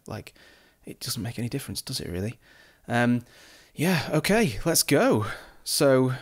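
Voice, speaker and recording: A man giving chatty, excitable let's-play commentary over a football management game, reacting loudly to the match. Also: mid-range voice. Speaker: gaming YouTuber.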